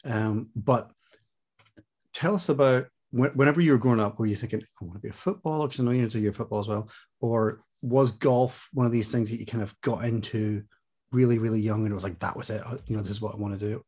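A man's voice: lowish voice, quick pace, darkish tone, husky. A man hosting a podcast, asking long rambling questions in a friendly, casual way. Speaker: podcast host. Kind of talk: casual interview chat.

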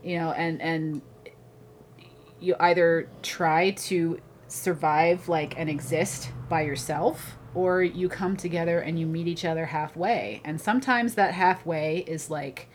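A woman's voice: on the low side, unhurried, a little hiss or hum. A woman guesting on a podcast in casual chat, rambling with constant "like" and "you know".

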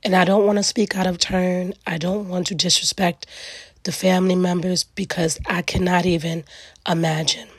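A middle-aged woman with a raspy, gravelly voice hosts a solo reflective talk, speaking earnestly and emphatically in weighty repeated phrases. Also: lowish voice, level tone, moderate pace, dry recording, clean studio sound. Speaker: podcast host.

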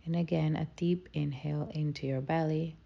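A woman leading a guided meditation in a slow, soothing, calming manner. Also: sits low, gravelly, lo-fi sound.

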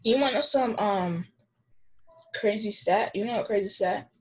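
A woman's voice: medium pitch, moderate pace, a little hiss or hum. A young woman in casual chat, talking in slang like a keen sports fan.

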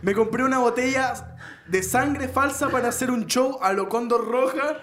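A young Chilean man co-hosting a livestream, talking loudly, shouting and laughing a lot. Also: very high voice, moderate pace, background noise. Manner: shouting and laughing, loud and excitable. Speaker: podcast co-host. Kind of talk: rowdy casual chat on a livestream.

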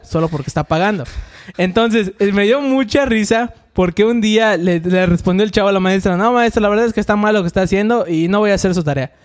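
Young Mexican man, high-pitched and quick, rambling storyteller in a casual chat.

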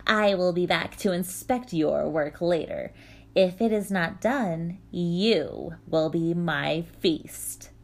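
A woman's voice: on the low side, vocal fry. Baba Yaga, a sneering old witch voiced by a woman. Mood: commanding. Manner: slow, emphatic, nasal sarcastic drawl.

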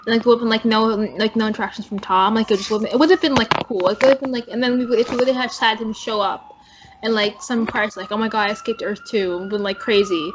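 A woman hosts a casual TV recap chat in an easygoing way, hedging with "um" and "I guess." Her voice is a little higher than average. The sound is muffled and lo-fi. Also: fast talker, background noise. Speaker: podcast host.

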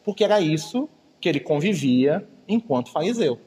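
A man's voice: fairly high pitch, animated, normal speed, a little mellow. A man with a chatty manner, giving an informal Bible study lecture. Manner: chatty, keeps asking "né?". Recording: long hall reverb.

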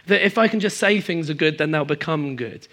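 A man delivers a sermon to a congregation, his voice fairly high for a man. He swings from loud, emphatic stretches down to quiet, low asides. He speaks with conversational warmth rather than formal oratory. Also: fairly quick. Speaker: preacher. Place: church hall in front of a congregation.

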